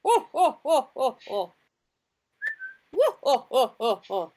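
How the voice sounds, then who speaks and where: A woman's voice: sits high, sing-song, slow pace, dark tone, voice pushed up, heavily acted. A woman voicing a kenku mimicking a pompous mayor with exaggerated exclamations, in a tabletop game.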